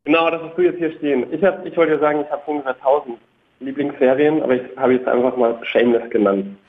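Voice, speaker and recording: A man on a phone call to a radio show, his voice coming through a speakerphone over a thin, tinny line. His pitch sits in an ordinary middle range, and he talks in a relaxed, loose way. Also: fast. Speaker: radio caller. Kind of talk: casual call-in chat.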